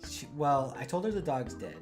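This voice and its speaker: Rambling deadpan man on a podcast. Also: medium pitch, normal speed, over music. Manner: rambling deadpan tall tales with fillers. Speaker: podcast co-host. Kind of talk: casual comedic banter.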